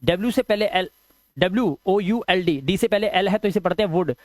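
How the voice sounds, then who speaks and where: A man teaching pronunciation rules in a patient, step-by-step classroom style, repeating examples slowly. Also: high voice, dry recording. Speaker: English teacher. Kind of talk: classroom-style lesson explaining silent letters.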